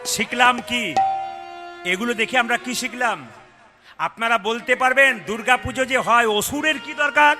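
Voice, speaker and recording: A man preaching at a devotional kirtan gathering, dramatic, swinging between loud cries and hushed storytelling. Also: very high voice, a little slow. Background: music.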